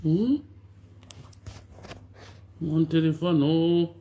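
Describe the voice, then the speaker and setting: A woman's voice: low voice, fairly even intonation, very slow, dark tone. A woman talks on a phone live stream, greeting her followers over and over and scolding them for not showing up. She sounds repetitive and reproachful. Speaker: online video personality hosting a live stream.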